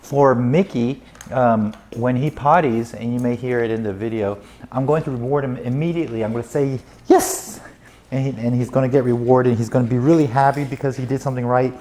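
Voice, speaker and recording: A man with a mellow, warm tone and a middling pitch talks as a dog trainer. He patiently walks a dog's owner through the training steps in an instructive way. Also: steady tone, fairly quick.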